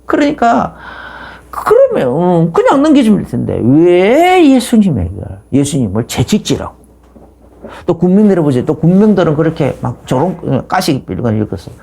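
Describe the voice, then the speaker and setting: A woman's voice: lowish voice, huge pitch swings, moderate pace, creaky, mellow, breathy edge. A woman pastor preaching a sermon, telling the story emphatically and asking rhetorical questions.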